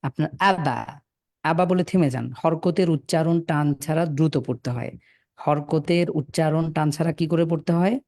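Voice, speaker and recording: A man teaching Quran reading over a video call, patiently but firmly correcting students and spelling letters slowly. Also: a little high, darkish tone, no echo, studio quality. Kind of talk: online class, correcting students.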